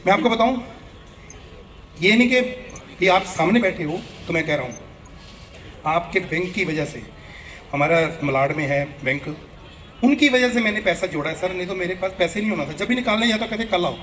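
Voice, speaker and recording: A man's voice: sits high, animated, moderate pace, pauses often, fairly bright tone. A middle-aged man doing live stand-up comedy. He chats and jokes, and he acts out the people in his stories. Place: event hall before an audience. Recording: live show with crowd noise. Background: audience laughter.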